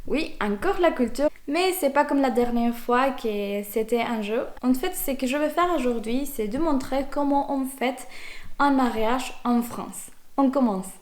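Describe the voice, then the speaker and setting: A young Mexican woman, native in Spanish and speaking with a Mexican accent, hosts a vlog and chats informally with viewers. Her voice is high-pitched and unhurried.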